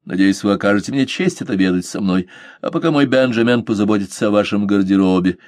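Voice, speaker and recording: A man voicing a courtly pirate captain who speaks calmly, courteously and with gentle irony. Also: on the low side, quick pace, no room sound, studio quality, close to an everyday voice.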